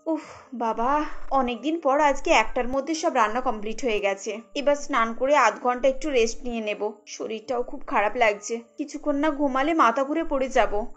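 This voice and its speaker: A woman's voice: high-pitched, normal speed, faint music behind. A woman voicing an overworked young daughter-in-law in a cartoon, tired and complaining. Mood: weary. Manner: tired, complaining under her breath.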